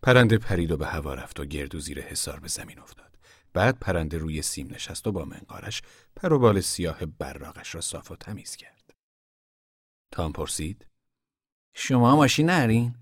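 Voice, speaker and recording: A man reading a novel aloud as an audiobook narrator in a calm, steady way. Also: a bass voice, breathy edge, dry recording, studio quality.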